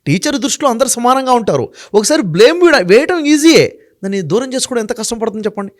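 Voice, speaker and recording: A man's voice: very high voice, animated, rapid-fire. A man speaking as an interview guest, making emphatic points one by one and putting rhetorical questions to the host. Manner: emphatic, works through numbered points. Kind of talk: explaining in a sit-down interview.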